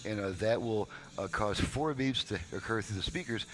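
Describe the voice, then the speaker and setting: This unscripted product demo comes from a man acting as a radio repair technician, folksy and casual as he walks through each step off the cuff. His voice is fairly low, fairly bright, at normal speed, with slight background noise and radio audio behind him.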